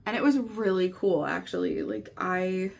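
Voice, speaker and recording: A craft vlogger in her thirties rambles to her viewers in a very animated yet slightly mellow voice, low-leaning and touched with vocal fry. She talks at a moderate pace, her casual story scattered with "like" and "you know," against slight background noise.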